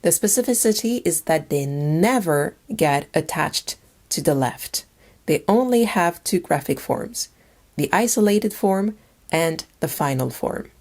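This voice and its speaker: A woman teaching a language lesson in scripted narration, naming each letter slowly and repeating it. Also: low-pitched, animated, a little mellow. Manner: slow, deliberate, repeats each letter name.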